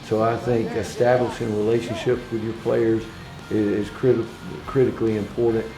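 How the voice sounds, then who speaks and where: A man who is an assistant football coach from Alabama, speaking earnestly in interview soundbites, with frequent halting restarts. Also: lowish voice, flat delivery, echoey room, music in the background, low-quality recording.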